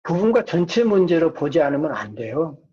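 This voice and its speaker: Briskly and warmly, a psychology professor with a fairly high voice and big pitch swings delivers a casual lecture. He often asks things and answers them himself, and the lo-fi audio is muffled and dull.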